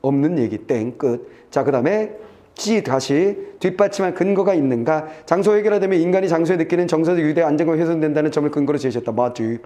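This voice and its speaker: A male Korean exam-prep teacher walking students through a test passage, reading lines aloud and checking in with quick asides that trail off low. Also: warm tone. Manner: brisk and chatty, reads aloud then checks "됐지?" and trails off low.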